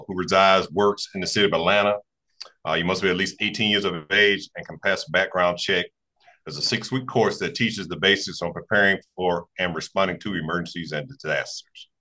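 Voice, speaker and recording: A man's voice: sits low, pushed and bright. A man, a fire captain, giving a report on a meeting call with frequent fillers.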